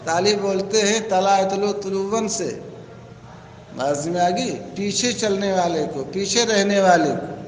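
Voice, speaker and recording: High-voiced Indian man teaching in an echoey classroom. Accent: Indian Urdu. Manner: keeps quizzing students with questions; reads Arabic text then explains it. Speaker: teacher of logic. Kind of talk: classroom lecture. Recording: echoey classroom with faint noise.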